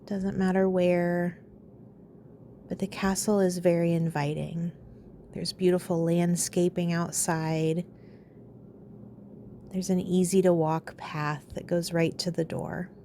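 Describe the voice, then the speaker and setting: In this guided meditation, a woman's low-leaning voice moves slowly and gently, resting between each phrase. There's a slight hum or hiss in the background.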